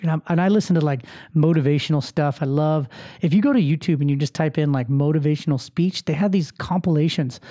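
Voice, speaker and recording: A man's voice: fairly high pitch, dark tone, dry recording, studio quality. An American man hosting a motivational podcast as a life coach, talking casually and directly to listeners and repeating phrases for emphasis.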